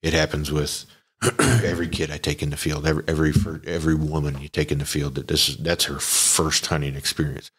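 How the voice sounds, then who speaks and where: A man talking as a podcast guest in casual chat, easygoing and telling stories in a drawn-out way, on a podcast microphone. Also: very deep voice, steady tone, a bit bright, slightly rough. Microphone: podcast dynamic mic.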